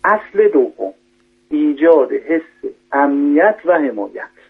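A husky-voiced man speaks over a thin, tinny telephone line, calling in to a radio show as a doctor. He works through his advice point by point in a methodical way. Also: fairly high pitch, very animated, soft background music. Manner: methodical, lists numbered points. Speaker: doctor giving parenting advice.

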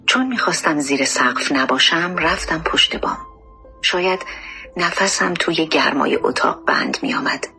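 A woman reading a first-person memoir audiobook in a soft, often hushed and emotional voice. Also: sits low, lively intonation, vocal fry, faint music behind. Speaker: audiobook narrator.

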